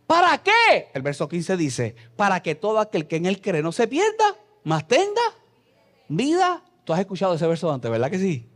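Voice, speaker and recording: A Puerto Rican man preaching a sermon as pastor, reading scripture and swinging between loud passages and soft asides in a church. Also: high-pitched, huge pitch swings, normal speed. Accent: Puerto Rican Spanish. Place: church sanctuary.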